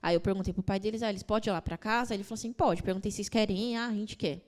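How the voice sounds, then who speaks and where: A young woman appears as a podcast guest, telling a personal story at a rapid pace in an ordinary middle-pitched, slightly mellow voice. Earnest and emotional, she keeps slipping into other people's words and quoting their dialogue as she retells it.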